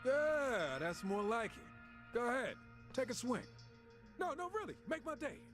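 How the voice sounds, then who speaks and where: Playing a sneering, corrupt officer who frames a suspect, a male actor mocks and gloats through a video game cutscene. The voice sits high and swings widely in pitch, never hurried, with the game's music underneath.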